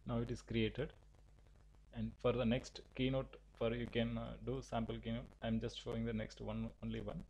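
A man teaching a software tutorial, giving halting step-by-step instructions with frequent restarts. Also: medium pitch, level tone, creaky, rough recording. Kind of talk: screen-recorded software tutorial.

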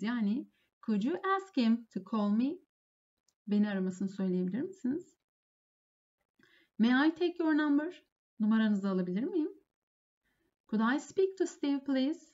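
A woman English teacher giving a lesson, saying each phrase slowly and then translating it. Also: a little high, dark tone, highs cut off. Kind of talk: lesson explaining phone phrases.

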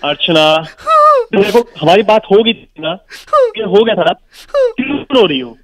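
A man's voice: sits high, wildly swooping pitch, moderate pace, a little hiss or hum. A man on a phone call who sounds bewildered and pleading, asking the same questions again and again. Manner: bewildered, pleading, repeats himself. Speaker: prank call target. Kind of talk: confused phone conversation.

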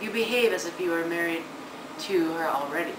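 A young man in an amateur play, acting an idle, witty, smug young gentleman in formal, measured speech. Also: fairly high pitch, close to an everyday voice. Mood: lofty scolding. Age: teenager to young adult. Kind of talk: amateur stage-play acting for a student project. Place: large living room, indoors. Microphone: camera a few metres away. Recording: echoey, noisy room from camera distance.

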